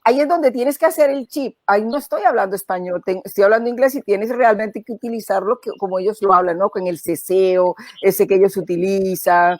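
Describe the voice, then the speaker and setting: A woman's voice: mid-range voice, brisk, hardly any pauses, no echo. A woman, a guest in an interview, explaining and laughing as she recounts stories. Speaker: guest, coach and former English teacher. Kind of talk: casual interview chat.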